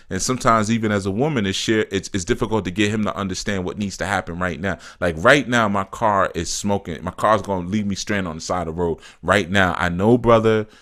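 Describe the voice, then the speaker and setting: A man's voice: low voice, a bit bright. A man talking casually on a live stream, reading viewers' comments aloud and answering them, often laughing and saying "you know" and "man". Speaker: spiritual teacher answering live chat.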